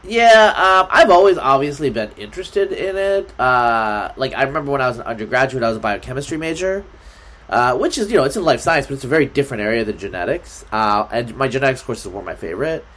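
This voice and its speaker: This podcast guest talks fast in a mid-range voice. His lively, casual chat wanders around and is heavy with filler words.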